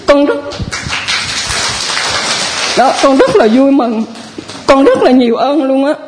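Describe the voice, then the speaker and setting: Southern Vietnamese woman, parish testimony, halting and rambling, keeps restarting. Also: sits high, very animated, a little mellow, slight background noise. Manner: halting and rambling, with many restarts and laughs through tears. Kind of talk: spoken personal testimony.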